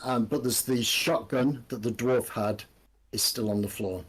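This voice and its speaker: A man narrating as game master in a tabletop game, halting and full of ums. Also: mid-range voice, fairly even intonation, slightly rough, low-quality recording.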